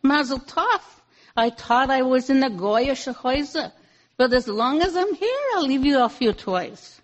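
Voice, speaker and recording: A woman's voice: high voice, expressive, measured pace, dull audio. A woman voicing a jolly old Santa who speaks with a Yiddish flavor, cheery and exclaiming.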